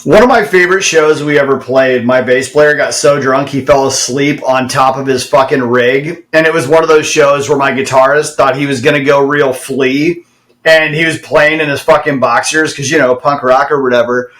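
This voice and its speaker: A man's voice: medium pitch, fairly even intonation, normal speed, a bit bright. A man in his thirties hosting a podcast, laid-back and wry, reflecting on his old band days. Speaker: podcast host. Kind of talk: casual podcast chat.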